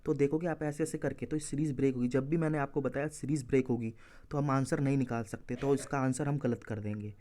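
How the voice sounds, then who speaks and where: Mellow-voiced Hindi-speaking man teaching reasoning. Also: mid-range voice, fairly even intonation, a little fast. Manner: explains step by step, corrects himself mid-solution. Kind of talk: exam-prep lesson walking through answers.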